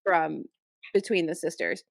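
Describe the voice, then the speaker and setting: A woman co-hosting a podcast in casual chat, ranting in an animated, exasperated way with many restarts, close to her microphone. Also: on the low side, measured pace, creaky, no room sound. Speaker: podcast co-host. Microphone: close podcast mic.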